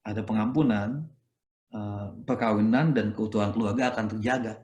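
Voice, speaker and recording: A man's voice: lowish voice, fairly even intonation, normal speed, darkish tone. A man with an Indonesian accent, a priest giving a conversational sermon, often ending phrases with "gitu ya" and slipping English phrases in. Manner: conversational, peppered with "gitu ya" tags; mixes English phrases into his speech. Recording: echoey room.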